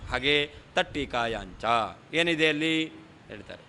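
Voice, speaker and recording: A man's voice: a little high, animated, a little slow, vocal fry, sharp tone, a little hiss or hum. A man teaching a scripture text in a traditional lecture, reading Sanskrit lines and explaining them, asking and answering his own questions. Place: lecture hall.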